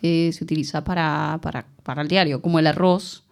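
A woman's voice: low voice, steady tone, gravelly, a little mellow. A woman with an Ecuadorian accent taking part in a casual round-table chat, explaining things step by step and sometimes searching for words. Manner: explanatory, halting at times.

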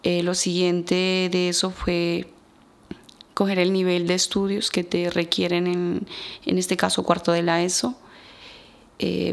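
A woman in her thirties with an Ecuadorian Spanish accent, a radio guest telling her story in a slow, reflective way. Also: on the low side, creaky. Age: 30s. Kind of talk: personal testimony in a radio interview.

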